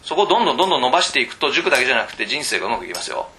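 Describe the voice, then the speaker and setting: A man coaching cram school teachers in a casual lecture, teasing them bluntly and often pausing to ask whether they follow. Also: mid-range voice, sing-song, bright, forceful tone, slight background noise. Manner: keeps checking in with rhetorical asides.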